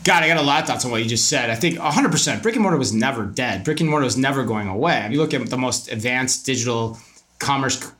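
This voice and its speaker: Answering interview questions on a podcast, a man lays out his views on retail business, stressing his opinions and tossing in rhetorical questions. He speaks quickly with lively intonation in a medium-pitched, slightly bright voice.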